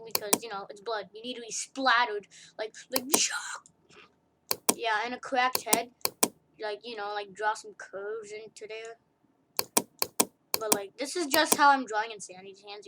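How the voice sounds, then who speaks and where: A young woman casually talking through a screen-recorded drawing tutorial, rambling, correcting herself and giggling at her own asides. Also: fairly high pitch. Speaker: tutorial maker. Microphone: computer mic during screen recording. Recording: loud hiss with keyboard and mouse clicks.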